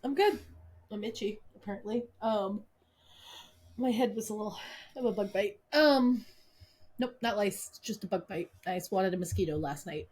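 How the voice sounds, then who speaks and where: A woman's voice: medium pitch, normal speed, a little mellow, husky. A woman co-hosting a podcast in casual chat, playful and self-deprecating, speaking from a small office. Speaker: podcast co-host. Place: small office with a fan running.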